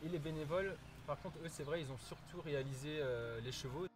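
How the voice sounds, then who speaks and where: A man's voice: fairly high pitch, fairly quick. A man who works as a gardener, speaking in an interview with frequent hesitations. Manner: hesitant, many fillers. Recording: music playing underneath.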